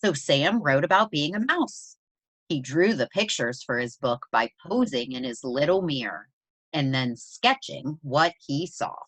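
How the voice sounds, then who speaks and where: Reading aloud to children from a picture book, a presenter with a low voice takes her time, her pitch swinging vividly as she leans on important words. The recording is dry and close-up.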